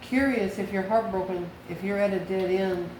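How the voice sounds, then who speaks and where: A woman running a tarot channel reads informally for the viewer, pondering aloud and supplying answers to the questions she raises. Her voice is mid-range and her pace normal, recorded in an echoey room with constant background noise.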